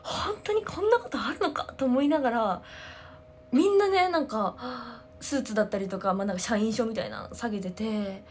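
A woman, chatting casually on a livestream, telling stories excitedly with sound words. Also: a little high, normal speed. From Ehime, Japan. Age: 20s. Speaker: idol livestreamer. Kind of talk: casual livestream chat answering comments.

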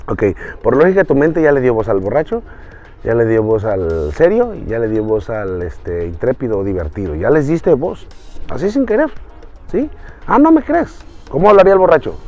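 Animated man teaching voice acting. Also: moderate pace. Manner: animated, talks straight to the viewer, jumps between pitches. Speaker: voice-acting teacher, channel host. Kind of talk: casual online lesson. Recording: dull lo-fi sound with faint music.

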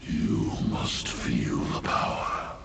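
An actor playing an ancient, colossal alien creature in a video game, with a guttural growl and slow, portentous delivery. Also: male voice, very noisy. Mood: ominous. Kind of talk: dramatic video game acting.

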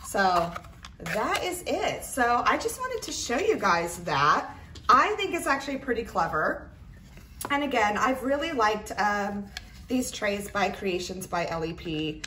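A woman's voice: medium pitch, sing-song, unhurried, sharp tone. Chatty woman in a roomy, distant recording. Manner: chatty, informal, talking while handling items. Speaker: craft product reviewer. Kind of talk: casual product demonstration. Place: indoors at a tabletop, roomy. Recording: roomy, distant mic, faint noise, clicking. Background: clicks and rattles of handled items.

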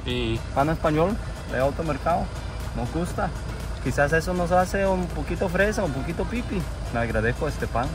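A man's voice: a little high, lively intonation, normal speed. A man, hosting a casual, enthusiastic travel vlog at arm's length, outdoors and in a car. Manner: enthusiastic, slangy, selfie-style narration. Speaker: vlogger host. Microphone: phone or camera at arm's length. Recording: background music.

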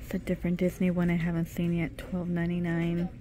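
Mid-aged lady vlogging while shopping, lowish voice, rattles off prices, phone cam in a big store. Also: completely flat delivery, fast talker, warm tone. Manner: chatty, reads out product names and prices. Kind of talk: casual shop-with-me narration. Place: department store, indoors. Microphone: handheld phone camera.

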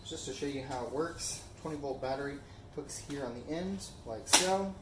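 A young man casually reviewing a tool in his garage and backyard, chatty and relaxed with frequent fillers. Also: medium pitch, normal speed, echoey room, very noisy. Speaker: product reviewer. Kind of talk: casual product review vlog.

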